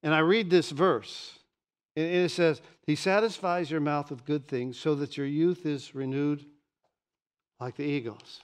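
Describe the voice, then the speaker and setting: A man in his sixties preaching a sermon from a church pulpit, animated and often repeating words as he starts a sentence. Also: a little high, measured pace, smooth. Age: 60s. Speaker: pastor. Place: church stage behind a pulpit.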